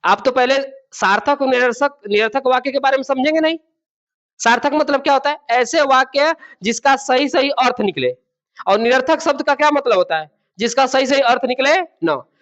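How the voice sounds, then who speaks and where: A man's voice: very high-pitched, normal speed, fairly bright tone. Male teacher, quizzes the class, repeats key words, dull lo-fi sound. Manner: addresses students as babu and beta. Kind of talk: classroom grammar lesson.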